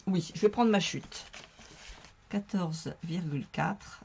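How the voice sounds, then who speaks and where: A woman with a hoarse, strained voice explaining a card-making tutorial in a chatty, self-mocking way as she works. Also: lowish voice, slow, background noise. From northern France. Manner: chatty, talks to viewers while working, self-mocking. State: hoarse from a sore throat. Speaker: craft tutorial host. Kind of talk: casual crafting tutorial.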